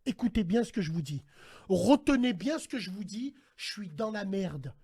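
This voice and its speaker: A man hosting a casual call-in stream, animated and slangy, swinging between hushed dread and loud outbursts. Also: sits high, normal speed, breathy edge. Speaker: host. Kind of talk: casual livestream radio chat.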